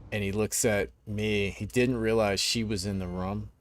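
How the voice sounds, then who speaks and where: Laid-back low-voiced young gaming streamer. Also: male voice, fairly even intonation, moderate pace. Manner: laid-back, rambling, peppered with dude and man. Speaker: game streamer. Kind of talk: casual gaming chat and storytelling.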